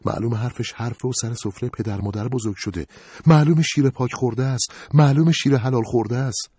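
A man voicing a frail, kindly older woman who speaks softly and slowly in a storybook reading. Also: mid-range voice, slightly rough, dry recording, voice pushed up, lightly acted.

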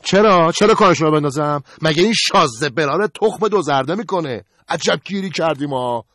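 A man doing a shouting, scornful drug dealer. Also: high-pitched, big pitch swings, dry recording, studio quality, pitched above the performer's own voice, exaggerated voice. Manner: yelling, scornful and stubborn. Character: shouting greedy middle-aged male drug dealer.

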